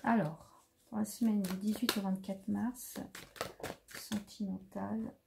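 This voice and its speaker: A woman's voice: mid-range voice, flat delivery, takes it slowly, gravelly, background noise. A French woman doing a casual tarot reading, hesitant and full of fillers, murmuring as she draws cards. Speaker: tarot card reader.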